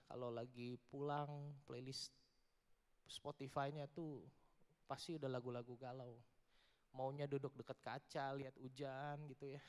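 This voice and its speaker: A man's voice: mid-range voice, clean tone. A man giving a casual youth sermon, joking and quizzing the audience while mixing in English words. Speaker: youth preacher. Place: large church hall before a youth audience. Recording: long echoing hall reverb.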